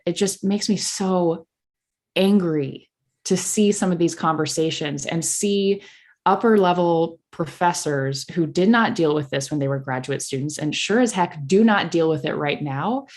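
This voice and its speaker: A young adult woman speaking as a podcast guest in candid conversation, blunt and impassioned. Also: low-pitched.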